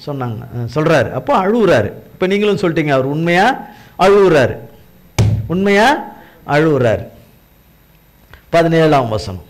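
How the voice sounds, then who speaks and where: Male pastor, higher than most men, repetitive emphatic sermon delivery that dips low and soft for pleas. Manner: repetitive, emphatic preaching with sudden drops to a low voice for quoted pleas.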